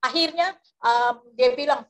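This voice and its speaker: A woman's voice: sits high, a little slow. A woman preacher tells a story over a video call, rambling with many fillers and restarts. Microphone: video call microphone.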